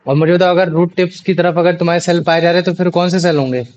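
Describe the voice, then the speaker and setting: Young male tutor, high-pitched and chatty, on a muffled video call. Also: steady tone, quick pace, a little mellow. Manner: chatty, repeats checking questions. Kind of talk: online class teaching. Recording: dull lo-fi online call audio.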